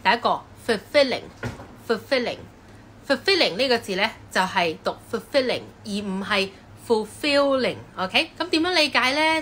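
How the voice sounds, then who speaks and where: Woman teaching pronunciation, bright lively voice, drills each word over and over, bit of noise behind. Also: fairly high pitch. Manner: drills words slowly, repeating each several times. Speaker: English teacher. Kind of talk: pronunciation lesson.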